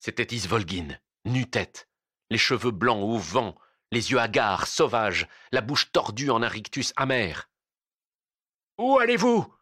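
Man, audiobook narration, bright lively voice, dry close recording. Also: on the low side, unhurried, slightly rough, no room sound. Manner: expressive, rising with the drama. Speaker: audiobook reader. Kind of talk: dramatic novel narration.

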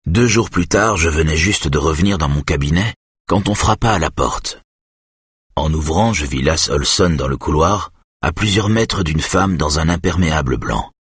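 A man narrating a novel in the first person, with a calm, measured delivery. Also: extremely low pitch, breathy edge, dry recording, studio quality. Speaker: audiobook narrator.

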